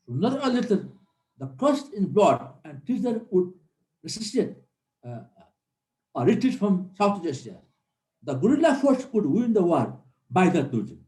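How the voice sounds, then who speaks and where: A man's voice: sits high, big pitch swings, normal speed, pauses often, darkish tone. A middle-aged man, giving an earnest classroom lecture as a military instructor and repeating key points for emphasis. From Nepal. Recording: roomy echo.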